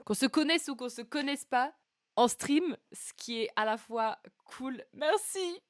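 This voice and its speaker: A woman's voice: sits high, expressive, unhurried, no room sound, studio quality. A young woman singer-songwriter chatting casually with viewers between songs, giggly and talkative, coughing now and then. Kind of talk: casual live-stream chat between songs.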